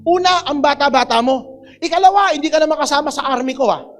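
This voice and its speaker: A man's voice: extremely high pitch, fast talker. A man voicing a doubtful king who scolds and dismisses a boy in a sermon retelling. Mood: scornful.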